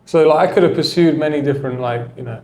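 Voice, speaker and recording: A man's voice: on the high side, fast talker, creaky, a little mellow, slight background noise. A man, a tennis coach, talking reflectively in a casual interview, with a loose flow of filler words. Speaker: tennis coach and mentor, guest.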